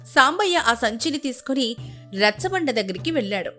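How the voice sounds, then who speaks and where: Brief: woman narrator, high bright voice, steady storytelling over soft music. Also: moderate pace.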